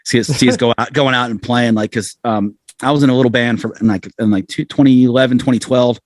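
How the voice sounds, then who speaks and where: A middle-aged American man, a band frontman appearing as a musician guest, talks casually in an interview and rambles in a self-deprecating way. His mid-range voice is steady and fast, captured in a dry recording.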